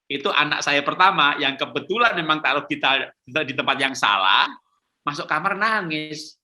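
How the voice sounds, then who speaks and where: Bright lively middle-aged man pastor. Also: a little high, normal speed. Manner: lively storytelling, acts out quotes, chuckles. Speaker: pastor answering parenting questions.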